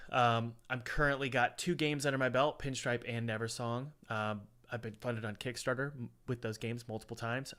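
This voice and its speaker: With a stuffy, head-cold sound, a male livestream host reviewing indie games rambles through casual chat and an ad read, circling back over the same points. His voice is medium-pitched, a bit bright, clear, and resonant. The setting is a cold room at home with the window open.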